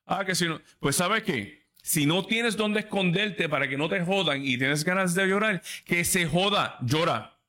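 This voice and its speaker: A man's voice: sits high, measured pace, hardly any pauses, sharp tone. Guy in his 30s hosting a podcast, blunt and cussing a lot, very emphatic. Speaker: podcast host. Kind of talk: casual livestream chat.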